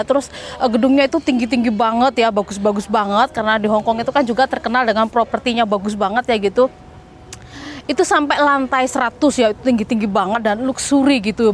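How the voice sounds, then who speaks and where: Chatty woman vlogging from abroad. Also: high-pitched. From Indonesia. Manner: chatty, many fillers and "gitu ya". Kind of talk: casual chat. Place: Hong Kong.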